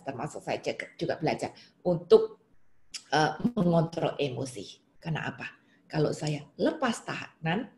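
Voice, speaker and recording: A woman's voice: on the high side, roomy sound. A middle-aged woman giving an informal sermon to a prayer group over a video call, talking expressively and asking the listeners questions.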